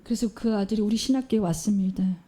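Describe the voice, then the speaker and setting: A woman's voice: mid-range voice, fast talker, mellow, slightly rough. A woman preacher giving a sermon in a church, telling a story and posing questions to the congregation.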